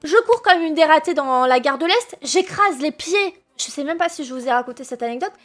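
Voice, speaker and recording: A young woman streamer telling a long mishap story to her chat, excitable, swearing and laughing as she goes. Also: high-pitched, a little fast, soft background music.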